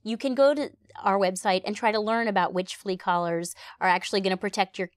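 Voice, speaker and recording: A woman guest expert explaining household safety in a relaxed, earnest conversational way. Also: medium pitch, brisk, no echo, clean studio sound. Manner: earnest, explanatory, fillers like "you know". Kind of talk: conversational interview answers.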